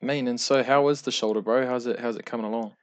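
A fast-talking man with a New Zealand accent and a medium-pitched, steady voice hosts a casual podcast interview. He asks long, rambling questions in friendly, slangy language.

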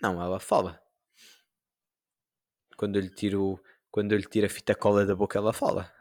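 A young man with a European Portuguese accent chatting casually on a podcast, telling stories with lively imitations and sudden loud outbursts. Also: fairly low pitch, fairly quick, no room sound, studio quality. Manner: animated storytelling, mimics voices, rising into outbursts. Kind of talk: casual chat.

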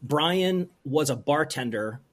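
A man from rural Pennsylvania, a brewery owner, telling a personal story in an interview in an earnest, halting way full of restarts. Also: fairly high pitch, lively intonation.

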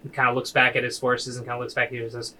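Bright-voiced man running a tabletop game. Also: mid-range voice, completely flat delivery, rapid-fire. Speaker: game master. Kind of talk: casual improvised tabletop game narration.

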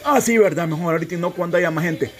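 A man playing an old grandfather with a Salvadoran accent, gruffly teasing his grandson and calling him a fool with affection. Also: fairly high pitch, quick pace, faint music behind, close to an everyday voice. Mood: gruff tender.

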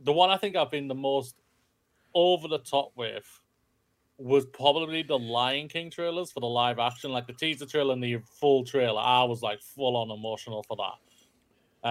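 A man co-hosting a podcast in casual chat, rambling and addressing listeners as ladies and gentlemen. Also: mid-range voice. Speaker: podcast co-host.

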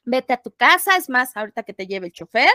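A woman voicing an older man, her boss, speaking in a gently coaxing, calm way. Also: very high-pitched, fairly quick, no room sound, studio quality, exaggerated voice. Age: middle-aged.

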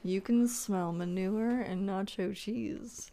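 A woman's voice: mid-range voice, slow, warm tone. A woman co-hosting a casual podcast, playful and giggly, tired from little sleep. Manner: giggly, playful, sets up scenarios. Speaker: podcast co-host. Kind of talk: casual chat.

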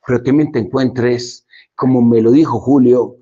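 A man giving a motivational speech, dramatic, swinging between loud emphasis and soft, low lines. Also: steady tone, moderate pace, husky. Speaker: motivational speaker. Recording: dull lo-fi recording.

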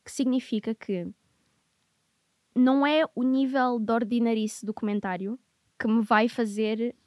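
A woman hosting a podcast, chatty and animated, and she slips in English phrases. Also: on the high side, unhurried, no echo. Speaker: podcast host. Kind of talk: casual podcast conversation.

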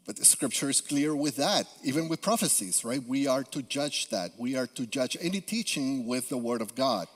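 With an animated, medium-pitched voice, a Peruvian guest preacher in his fifties gives an earnest sermon in Spanish-accented English at a moderate pace with few pauses, though "uh" fillers come often. The church sanctuary recording has a long hall reverb.

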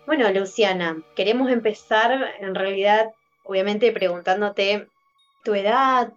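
A woman's voice: medium pitch, measured pace, dull audio, soft background music. A woman co-hosting a podcast and interviewing a guest in a chatty way. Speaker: podcast co-host. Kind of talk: casual interview.

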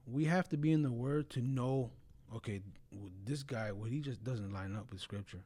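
A man's voice: mid-range voice, moderate pace, warm tone. A man talking casually and earnestly about religion in a blunt way, often peppering his speech with slang and filler phrases. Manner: blunt, earnest, frequent "bro" and "you know".

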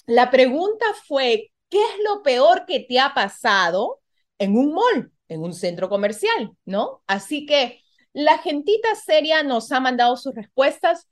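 A woman hosting a casual chat, bubbly and teasing, laughing quickly. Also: sits high, big pitch swings. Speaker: podcast host.

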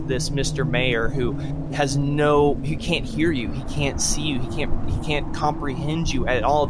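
A man's voice: mid-range voice, very noisy. A man narrating as game master of a tabletop game, rambling with fillers and restarts.

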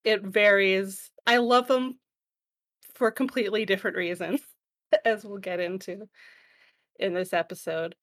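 A woman's voice: mid-range voice, fairly even intonation, measured pace, long pauses, fairly bright tone. A woman hosting a casual podcast chat, an enthusiastic, giggly fan who sounds slightly out of breath after being ill. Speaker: podcast host.

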